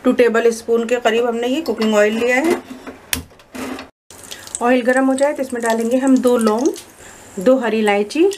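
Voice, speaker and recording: A woman with a slightly high voice guides listeners through a recipe at an even, measured pace. Her tone is calm and instructive. Faint kitchen noise sits behind her. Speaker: cooking channel host. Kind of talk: step-by-step recipe voice-over. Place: home kitchen.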